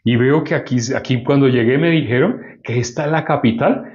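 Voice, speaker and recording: A man with a medium-pitched, slightly mellow voice preaches at a fairly quick clip, reading Scripture, explaining it, and questioning his listeners. The recording sounds dull and lo-fi.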